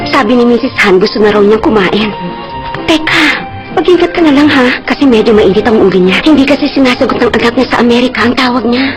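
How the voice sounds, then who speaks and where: Actress as quick-talking, cautious household helper. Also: female voice, a little high, lightly acted. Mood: cautioning. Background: music.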